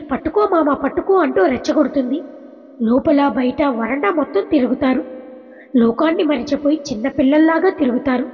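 A woman narrating a story in a gentle, expressive audiobook style. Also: sits high. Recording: reverberant, dull lo-fi recording.

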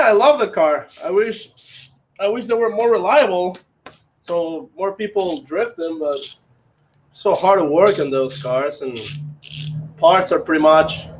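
A man's voice: high voice, a little slow. A man co-hosting a casual livestream while working on a car engine in a garage, talking in a laid-back, chatty way. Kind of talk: casual chat while wrenching. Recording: lo-fi with faint noise.

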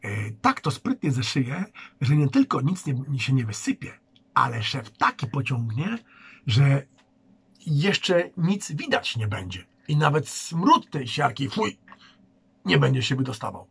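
A man doing a cocky young shoemaker, gravelly. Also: mid-range voice, big pitch swings, measured pace, fairly bright tone, exaggerated voice. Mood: eager. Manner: eager, boastful chatter. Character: young male village shoemaker, eager and boastful.

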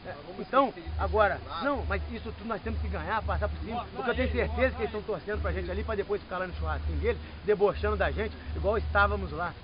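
A Brazilian man with a high voice speaks earnestly and moralizes to his football team. The audio sounds dull and muffled. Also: racing, hardly any pauses, background noise. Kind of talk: locker-room team talk.

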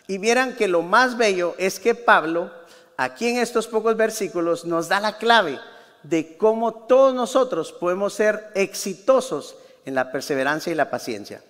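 High-voiced pastor preaching in a church. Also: male voice, animated, moderate pace, a bit bright, in a large hall. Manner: conversational, asks the congregation questions. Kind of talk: sermon. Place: church sanctuary.

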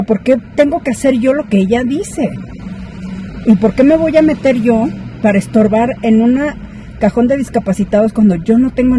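A woman's voice: fairly high pitch, dark tone, poor audio. A woman telling a story to her viewers in a chatty, indignant vlog. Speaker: vlogger. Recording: clear background noise.

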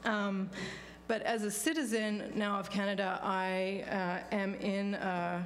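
A woman's voice: mid-range voice, flat delivery, takes it slowly. A woman in her forties with an Australian accent, speaking as a panelist at a podium microphone in a lecture hall, thoughtful with frequent fillers and restarts. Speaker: panelist, law professor. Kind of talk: conference talk. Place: law school lecture hall. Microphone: podium microphone on stand.

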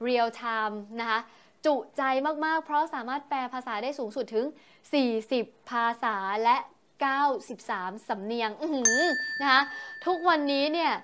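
A woman with a slightly high voice talks through a new gadget in a loose, chatty way. She keeps adding polite particles and breaks off now and then with delighted exclamations. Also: fairly bright tone, smooth. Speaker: tech news presenter. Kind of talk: casual tech product talk.

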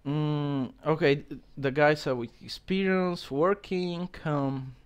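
Young man, streamer, headset mic, slow halting reading, fillers and chuckles, slightly high voice, small room. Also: fairly even intonation, clean tone, dull audio. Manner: reads aloud haltingly with many fillers and chuckles. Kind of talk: casual live-stream commentary. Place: small dim room indoors.

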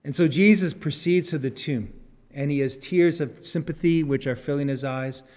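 A man's voice: on the high side, normal speed, darkish tone. A male pastor preaching a sermon, earnest, repeating key phrases and putting questions to the congregation, children included. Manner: asks the congregation questions, also speaks to children. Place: church sanctuary. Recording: long church hall reverb.

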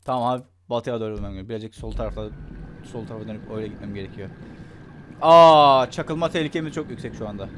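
A man doing jokey let's play commentary, pretending to be scared and swinging between hushed muttering and shrieks, with a Turkish accent. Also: lowish voice, very fast. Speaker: gaming YouTuber.

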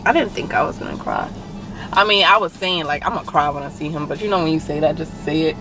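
A woman's voice: deep voice, animated, fast, music in the background, poor audio. Chatty young woman vlogging from a car. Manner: chatty, rambling, laughing often. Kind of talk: casual chat. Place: parked car at a drive-in.

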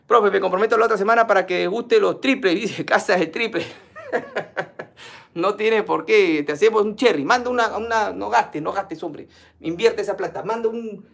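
A man's voice: high voice, gravelly, fairly bright tone. A man, a teacher chatting casually on a live stream, reading out viewer comments and running playful polls. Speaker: teacher hosting a live class.

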